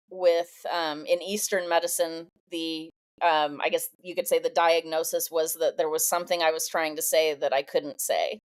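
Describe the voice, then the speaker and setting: A woman guest with a slightly low, even voice shares her life story on a podcast. She speaks candidly and reflectively, pausing and reaching for words with frequent fillers as she goes. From Southern California. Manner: thoughtful, candid, halting with many fillers.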